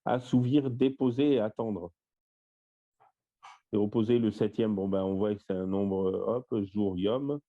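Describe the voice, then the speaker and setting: Man, Bible study teacher, low voice, step-by-step word lists, many fillers, dull lo-fi call audio. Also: fairly even intonation, measured pace. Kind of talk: online Bible study with a shared screen. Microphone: voice-call microphone.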